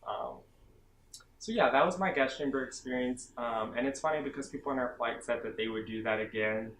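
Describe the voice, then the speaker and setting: A man's voice: mid-range voice, fairly quick. Young man telling a story in an echoey room. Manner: animated, self-dramatizing, many "like" fillers. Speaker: vlogger recounting basic training. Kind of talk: casual storytelling vlog. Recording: echoey room, faint background hum.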